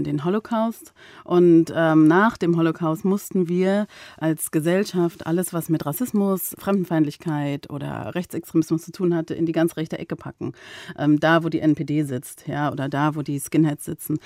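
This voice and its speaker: A German woman, a diversity trainer, answering interview questions in a measured, thoughtful way with frequent pauses and fillers. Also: low-pitched, dark tone, no room sound, clean studio sound. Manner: measured, many fillers while thinking. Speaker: diversity and anti-discrimination trainer, guest.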